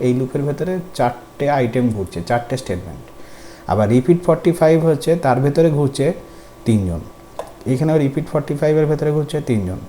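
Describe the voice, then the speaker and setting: A man's voice: mid-range voice, dark tone. A man teaching a coding class. He explains patiently, step by step, and asks his students questions. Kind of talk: screen-recorded tutorial. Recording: faint background noise.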